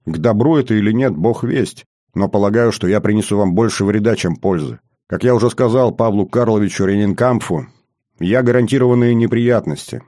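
A man's voice: fairly low pitch, dark tone, dry recording, studio quality, close to an everyday voice. A man voicing a bold, bitter young officer in an audiobook, speaking bluntly and earnestly. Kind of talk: audiobook character reading.

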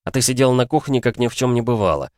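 A man's voice: medium pitch, lively intonation, fast talker, a little mellow, no echo, clean studio sound, voice pushed up, natural voice. A man voicing a young adult son who accuses his father in a raised, intense voice. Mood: accusing.

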